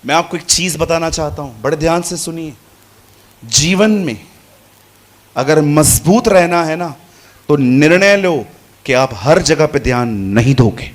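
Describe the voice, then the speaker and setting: A man preaching a sermon to a congregation, shifting between quiet asides and loud, animated calls. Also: on the high side, unhurried, pauses often. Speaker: pastor. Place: church hall with congregation.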